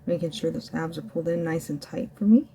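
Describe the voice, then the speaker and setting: A woman's voice: low voice, quick pace, creaky, mellow, a little hiss or hum. A woman working as a fitness instructor, coaching a home ab workout while demonstrating the floor exercises herself. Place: indoors at home.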